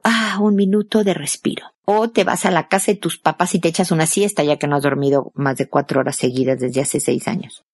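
A woman's voice: low voice, darkish tone, dry recording. A middle-aged woman, hosting and giving parenting advice in conversational talk, explaining things directly to the listener. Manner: explanatory, addresses the listener directly and acts out short quoted dialogue. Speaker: parenting advice host answering listener emails.

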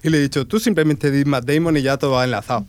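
A man's voice: medium pitch, racing. A Spain-accented man co-hosting a podcast. He chats informally with a joking tone. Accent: Spain Spanish. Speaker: podcast co-host. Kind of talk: casual podcast chat.

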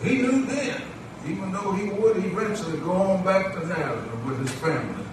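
A pastor preaching a sermon, stretching his phrases in a drawn-out cadence that swells on key words. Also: high-pitched, expressive, noisy background. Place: church sanctuary. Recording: very echoey church recorded from a distance.

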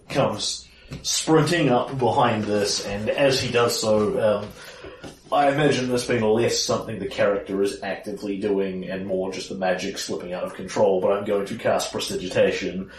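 A man playing in a tabletop game, calmly describing what his character does. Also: lowish voice. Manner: relaxed, describing his moves in detail. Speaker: player. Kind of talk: casual tabletop game talk. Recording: echoey room, far mic, faint noise.

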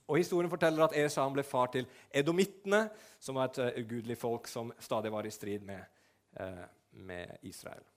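Man preaching a lively sermon. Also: medium pitch. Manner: lively storytelling, briefly acting out the figures' lines.

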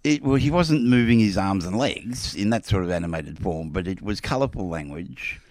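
Brief: deep-voiced male radio co-host, wry storyteller, dry studio. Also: lively intonation, normal speed, a little mellow, dry recording. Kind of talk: casual studio chat.

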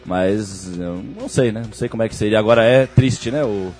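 A man's voice: lowish voice, fairly quick, darkish tone, soft background music. A man co-hosting a casual sports podcast, rambling and joking as he talks. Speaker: podcast co-host.

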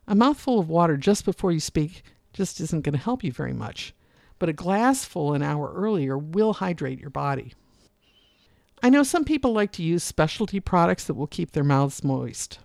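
Expressive speaking teacher, lively pitch. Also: creaky, no room sound, clean studio sound. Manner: expressive, varies voice to demonstrate points. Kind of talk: scripted instructional narration.

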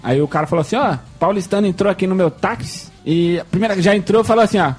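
A man's voice: sits high, fast, breathy edge, faint music behind. A man in casual chat among friends, explaining points through everyday examples and swearing casually.

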